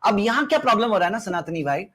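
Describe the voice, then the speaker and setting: Man, high voice, debate host, insistent, repeats rhetorical questions. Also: expressive, sharp tone. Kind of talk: heated live debate.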